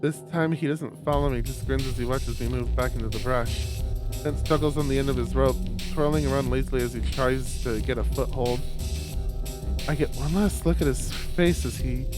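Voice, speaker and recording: A man streaming a visual novel, reading the story aloud in a lowered voice with loud reactions. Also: moderate pace, over music. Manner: reads narration in a lowered voice, reacts with loud exclaims. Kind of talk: reading a story game aloud with chatty asides.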